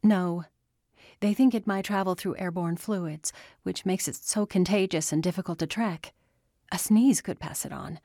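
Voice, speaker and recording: A woman voicing a distraught mother talking loudly on the phone in a hospital line, her voice breaking into tears. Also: lowish voice, moderate pace, no echo, clean studio sound. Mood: worried.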